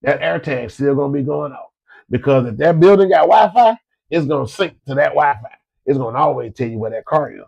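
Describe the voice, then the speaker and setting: In lo-fi sound, a stuffed-up Floridian casually repeats folksy business pointers to motivate listeners. His medium-pitched voice is husky and darkish, with vocal fry, lively intonation and a fairly quick pace.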